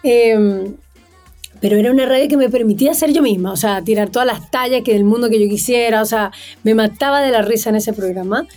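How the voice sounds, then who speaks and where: A talkative woman chats casually as an interview guest, spontaneous and quick to laugh. Her voice sits a little high but sounds mellow and warm. Faint music plays behind her. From Chile and Venezuela. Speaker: guest, singer and TV presenter.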